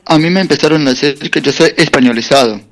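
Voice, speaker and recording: A man calling in to a radio talk show over a phone line, speaking earnestly and haltingly and posing rhetorical questions. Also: fairly high pitch, soft background music. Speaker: caller. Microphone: phone call over a messaging app.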